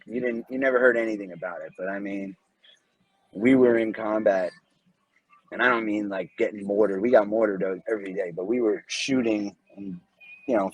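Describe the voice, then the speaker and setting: Husky, relaxed man in casual talk. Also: on the low side, dry recording, low-quality recording. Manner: relaxed, hesitant, many fillers. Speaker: guest, former Navy corpsman. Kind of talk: casual interview conversation. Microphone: podcast microphone.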